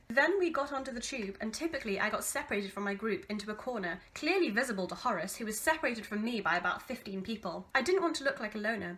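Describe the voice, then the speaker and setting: A woman in her twenties with an English accent reads from an old diary with casual asides, in an animated, self-mocking, theatrically exasperated way. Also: on the high side. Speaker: vlogger reading her old teenage diary.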